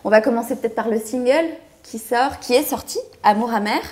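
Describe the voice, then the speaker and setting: A woman hosts a radio interview with upbeat, eager prompts. Her voice sits slightly high, and the recording carries a roomy echo. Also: darkish tone. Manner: enthusiastic, quick affirmations. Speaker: radio host.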